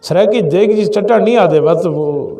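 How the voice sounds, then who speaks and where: A man with a Punjabi accent preaching a sermon as a mufti, telling lively stories and acting out the villagers he quotes. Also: high-pitched. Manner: animated storytelling, acts out quoted villagers. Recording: echoey hall with long reverb.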